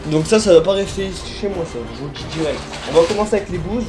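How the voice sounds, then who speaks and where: A man's voice: sits high, quick pace, over music. A man chatting casually through a toy unboxing, hesitant and full of fillers, often correcting himself, filmed on a handheld phone. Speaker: toy collector vlogger. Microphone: handheld phone without tripod.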